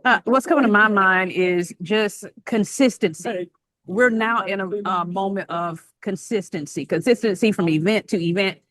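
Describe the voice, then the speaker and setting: A woman speaking on a team call, calm and thoughtful. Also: medium pitch, moderate pace, dry recording.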